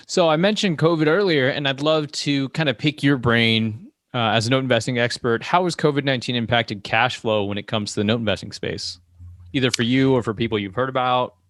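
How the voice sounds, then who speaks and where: Man quickly asking interview questions. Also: medium pitch, fairly bright tone, no echo, clean studio sound. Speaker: podcast host. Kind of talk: interview conversation.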